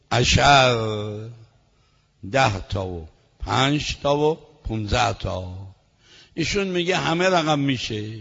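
Male seminary teacher with a gravelly voice, reading slowly and explaining quickly; reverberant, dull lo-fi recording. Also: medium pitch. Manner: reads a text slowly, then explains quickly; corrects a student's reading. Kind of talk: classroom text lesson.

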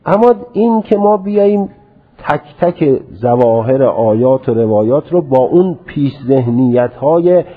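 A man gives a religious lecture at a middle pitch, working through his reasoning step by step. He stresses his points and often says them twice. The sound comes through thin and tinny, like an old radio broadcast. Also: husky.

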